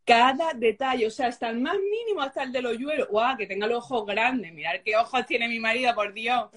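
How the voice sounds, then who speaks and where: Husky young woman telling her story. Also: a little high, lively intonation, brisk, fairly bright tone. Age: young adult. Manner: emotive storytelling, acts out quoted dialogue. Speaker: guest sharing a conversion story. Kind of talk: personal testimony, casual.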